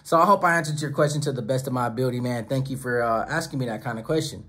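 A middle-aged YouTube host sits at his desk in a small home studio with monitors and speakers, giving direct-to-camera commentary picked up by a close camera mic. His mid-range voice is a bit bright and husky, and he talks rapid-fire in an emphatic, preachy way, often stacking phrases in lists.

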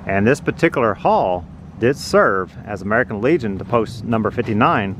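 A man narrating a walking tour outdoors on a city sidewalk, explaining things slowly and plainly as he films with a handheld phone. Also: lowish voice, lively intonation, a bit bright, a little hiss or hum. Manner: slow, plain, informative. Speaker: vlogger touring a building. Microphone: handheld phone camera.

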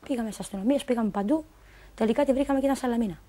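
A woman's voice: fairly high pitch, mellow. A woman telling a personal story on a talk show, rambling along, quoting what others told her and filling gaps with stock phrases.

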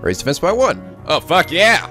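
A man's voice: a little high, huge pitch swings, normal speed, bright, forceful tone. A man giving casual, playful gameplay commentary, exclaiming and swearing freely as host. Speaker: gaming video host. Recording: game music behind commentary.

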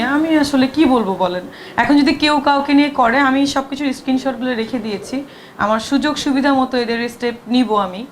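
A woman actress with a fairly high voice answers press questions between takes. Her throat is sore, but she talks on in a chatty, defensive way with quick asides. A faint noise of the shooting location sits behind her. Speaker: film actress.

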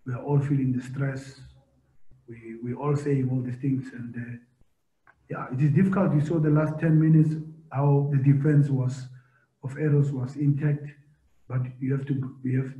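A middle-aged man, a football coach answering post-match press questions in an emphatic way, repeating words and asking rhetorical questions, over a video call. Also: medium pitch. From South Africa. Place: press room in front of sponsor board. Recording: echoey, tinny video-call audio.

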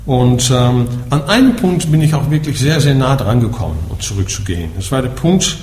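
In an echoey room with faint noise behind him, a Dutch-accented man from the Netherlands delivers a dharma talk in German to a group. His medium-pitched, slightly mellow voice is expressive and moderately paced. He explains Buddhism patiently, asking "ja?" after nearly every point.

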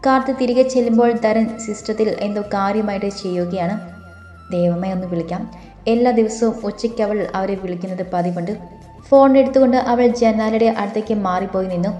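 A woman narrating a romance story aloud in a steady, even reading voice. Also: medium pitch, fast talker. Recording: echoey room with faint music.

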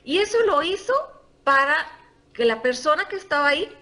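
A woman presenting a workshop, speaking lively and chatty to her audience and laughing often. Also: sits high, moderate pace. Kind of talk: live seminar talk to a group.

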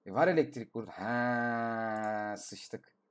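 A young man giving casual gameplay commentary, talking to himself, swearing and breaking into excited outbursts. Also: on the low side, takes it slowly, clear, resonant tone. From Turkey. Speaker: gaming YouTuber.

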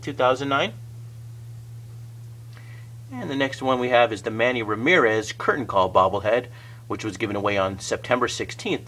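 A man casually narrating a walkthrough of his collection on home shelves, naming items one after another with the odd pause and self-correction. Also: on the low side. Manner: steady list-like naming with occasional uh and self-corrections. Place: indoors at home by display shelves.

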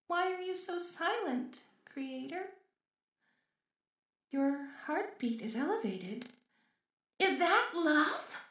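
A woman's voice: sits high, a bit bright, echoey room, far from the mic, exaggerated voice. A woman playing an obsessive, lovesick female maid robot in an audio role-play, with clingy, menacing, unhinged villain sweetness. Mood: eager, menacing.

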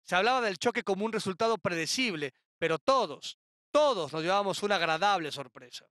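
A man voicing a measured football pundit who gives analysis as co-commentator in a video game. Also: high-pitched, lively intonation, no echo, clean studio sound. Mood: analytical. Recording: loud stadium noise behind.

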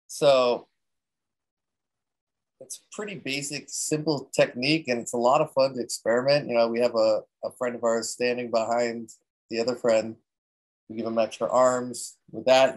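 Relaxed man explaining a photography technique. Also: mid-range voice, poor audio. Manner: relaxed, rambling, many fillers and restarts. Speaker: presenter at a photography talk. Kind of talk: casual technique talk.

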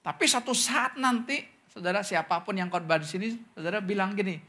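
A man preaching a sermon as pastor, talking straight to the congregation and acting out questions in other voices. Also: fairly quick. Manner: animated preaching, often calls the congregation "saudara"; acts out questioners' voices in higher pitch.

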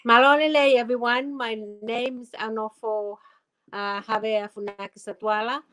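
A middle-aged woman from Tonga with a Tongan accent introduces herself on a video call, unhurried and full of fillers. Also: fairly high pitch, level tone, a bit bright. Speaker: community leader and captain. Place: indoor room at home. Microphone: webcam on a video call.

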